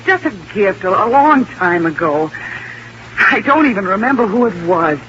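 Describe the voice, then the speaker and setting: A woman's voice: medium pitch, big pitch swings, moderate pace. A fluttery vain society lady on old radio. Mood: flustered. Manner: fluttery, stammering, theatrical. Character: vain aging society woman. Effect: old-time radio broadcast. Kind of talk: 1950s radio drama acting. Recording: muffled vintage radio broadcast with hiss.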